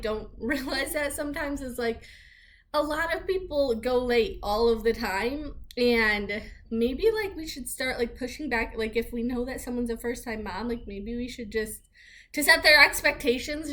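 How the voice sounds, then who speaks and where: A woman's voice: fairly high pitch, pushed and bright. A young adult woman chatting casually and informally in a rambling vlog style, peppering her talk with "like". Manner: chatty and informal, heavy use of "like". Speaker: vlogger giving a pregnancy update.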